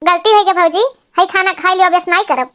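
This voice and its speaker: A woman's voice: extremely high pitch, a little fast, a bit bright. A woman voicing a poor, meek teenage girl in a cartoon, with a humble manner. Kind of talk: cartoon voice acting.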